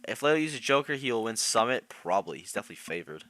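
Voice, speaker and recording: A man's voice: medium pitch, very animated, fast, fairly bright tone. A young man on a live stream, chatting casually about competitive players and reacting to chat, laughing often.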